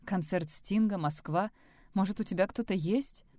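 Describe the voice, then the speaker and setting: A woman's voice: mid-range voice, normal speed, mellow, no echo, clean studio sound, lightly acted. A woman reading the part of a jealous forty-year-old Italian man who still lives with his mother, speaking in a tense, clipped way.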